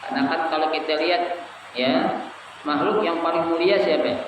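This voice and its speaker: A man with a fairly high pitch and fairly even intonation speaks at normal speed, teaching a live Islamic study group. He asks the audience questions and lets them answer, and he chants Arabic phrases in a sing-song. The recording has background noise and a dull, echoey sound, with his voice distant.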